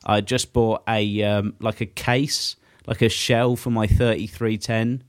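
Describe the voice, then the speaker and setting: A man in his mid twenties chatting casually on a podcast, rambling and animated, swearing freely. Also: lowish voice, unhurried, no echo, clean studio sound. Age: 20s. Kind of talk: casual chat.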